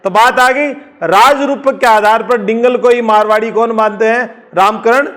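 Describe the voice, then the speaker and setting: A male teacher with a Rajasthani accent giving an exam-prep lecture, explaining slowly, repeating key points and answering his own questions. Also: very high voice, a bit bright.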